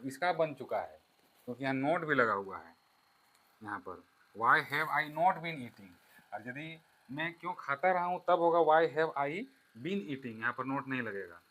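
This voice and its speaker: Bright-voiced man teaching a grammar lesson. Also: fairly high pitch, rough recording. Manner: explains slowly step by step, dictating examples.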